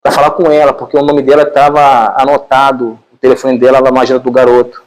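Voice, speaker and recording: A man with a Brazilian Portuguese accent giving an informal lecture, retelling a film in an animated, colloquial way with many repeated fillers. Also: mid-range voice, quick pace, rough recording.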